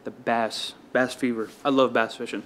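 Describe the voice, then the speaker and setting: Noisy outdoor camera audio picks up a man vlogging his fishing by the ponds. His voice sits at medium pitch and normal speed, and his casual, slang-heavy chatter stays laid-back except when a catch excites him.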